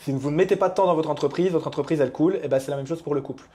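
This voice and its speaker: A man's voice: on the high side, mellow. A man in his thirties from Belgium, a coach talking candidly as a guest in a casual interview. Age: 30s. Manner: candid, confiding, fast.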